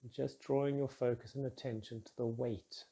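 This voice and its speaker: In this guided meditation, the speaker is a man whose voice is medium in pitch, husky, and soft. His instructions come at a measured pace, soothing and calm, each phrase easing downward as it ends.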